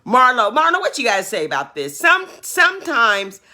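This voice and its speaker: Female livestream host, forceful bright voice, repeats herself for emphasis. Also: on the high side, wildly swooping pitch, moderate pace. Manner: emphatic, repeats her points, asks questions. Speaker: livestream host reading viewer comments. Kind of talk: casual opinion livestream.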